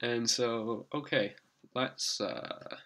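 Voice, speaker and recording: A young man hosting a coding tutorial in a casual, rambling monotone, with fillers and self-corrections. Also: mid-range voice, drawn-out words, gravelly, slight background noise. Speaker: programming tutorial host. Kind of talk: screen-recorded coding tutorial.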